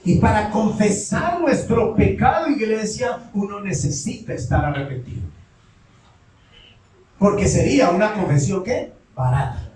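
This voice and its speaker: A male pastor preaching a language sermon, impassioned and shouting at the peaks. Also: high voice, animated, a little slow, slight background noise. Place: church hall. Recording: very echoey room, distant mic.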